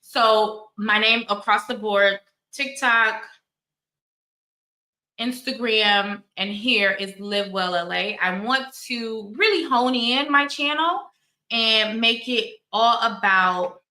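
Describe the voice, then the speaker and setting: A woman's voice: fairly high pitch, takes it slowly, pushed and bright, roomy sound, rough recording. A woman in her forties hosting her own channel, chatting candidly and telling stories with many asides. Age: 40s. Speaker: channel host. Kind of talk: casual commentary chat.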